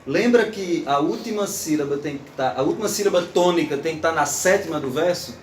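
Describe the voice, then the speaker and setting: A man's voice: on the high side, a little fast, echoey room, far from the mic, slight background noise. A man giving an informal, playful lecture to an audience. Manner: animated, playful, recites verse aloud.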